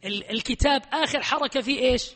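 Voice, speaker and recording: A man teaching a grammar lesson, animated and emphatic, who keeps quizzing his class. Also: extremely high pitch, fast talker, big-room sound.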